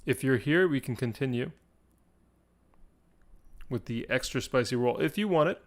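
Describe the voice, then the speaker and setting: A man narrates an improvised fantasy battle on a livestream, building suspense from line to line. His voice sits at a middle pitch, and he drops into casual chat between the dramatic beats. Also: normal speed. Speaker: livestream host.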